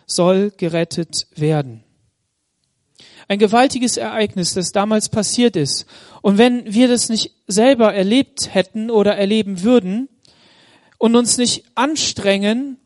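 A man preaching a sermon in Munich, reading Bible passages aloud and slowing down for emphasis. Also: sits high, no echo, clean studio sound. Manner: reads scripture aloud, slows for emphasis; addresses the congregation directly. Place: church in Munich.

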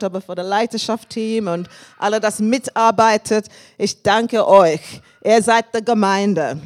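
An English-accented woman in her fifties delivers a sermon in her second language. She speaks with grateful warmth, breaks into laughter and calls out praise. Her pitch sits in an ordinary middle range for a woman. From England. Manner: warm and thankful, with frequent laughs and praise shouts. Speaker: guest preacher. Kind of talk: sermon with personal testimony.

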